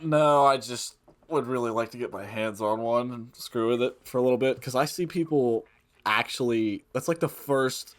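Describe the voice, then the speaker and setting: A man's voice: medium pitch, moderate pace. A young man chatting casually in a laid-back way, swearing now and then. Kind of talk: casual chat.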